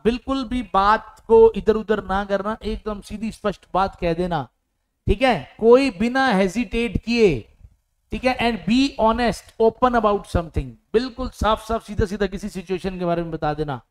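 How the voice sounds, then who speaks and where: A man teaching English idioms in a mix of Hindi and English. He explains each one through an imagined little story with acted-out lines, and reads the English example sentences slowly. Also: sits high.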